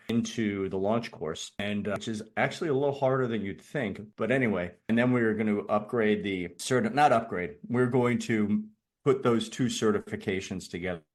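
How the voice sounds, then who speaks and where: A man's voice: lowish voice, moderate pace. A congested man with a rattly chest-cold voice hosts a casual online meeting, jokey and rambling. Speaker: host of an online community meeting.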